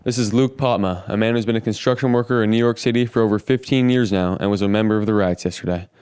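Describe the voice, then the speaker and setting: A man playing an earnest, brisk TV news anchor reading a scripted report. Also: fairly low pitch, steady tone, darkish tone, clean tone, no echo, studio quality, close to an everyday voice. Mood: brisk, presenting.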